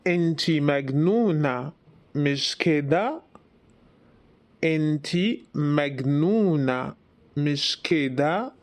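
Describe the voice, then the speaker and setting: This is a man teaching his language, with an Egyptian Arabic accent. His voice sits a little high for a man, and his delivery is extremely slow. He answers each phrase by repeating it in its male form. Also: expressive. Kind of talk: slow phrase drill for learners.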